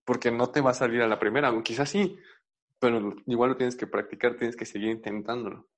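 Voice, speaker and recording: A man's voice: mid-range voice, fairly even intonation, a little fast. A man with a Mexican accent, a podcast co-host chatting casually in a laid-back, slangy way. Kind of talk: casual chat.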